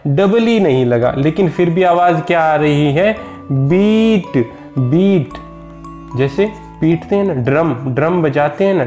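A man's voice: on the high side, darkish tone, echoey room. An Indian man teaching children English vowel sounds, patiently repeating words and asking simple questions.

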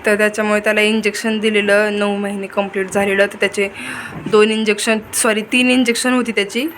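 A woman's voice: medium pitch, little pitch movement, a little fast, fairly bright tone. A young woman, chatting casually to the camera in a home vlog as she looks after her children. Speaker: vlogger. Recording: noisy home recording.

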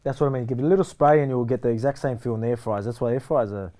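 A man's voice: medium pitch, rapid-fire, dark tone. An Australian man in his thirties hosting a casual cooking segment in a studio, blunt and swearing freely. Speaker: cooking show host. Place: studio set with shelves of collectibles.

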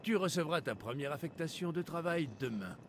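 A stiff, official supervisor in a video game. His voice sits a little high and swings with lively, ceremonious emphasis. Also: brisk. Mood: solemn. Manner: formal and official. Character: formal male supervisor of an underground shelter. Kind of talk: French video game dub.

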